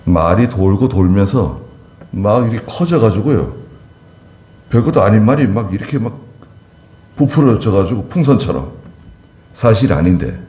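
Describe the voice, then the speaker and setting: A man's voice: lowish voice, warm tone, echoey room. A male pastor preaching a conversational sermon, acting out short dialogues in a church.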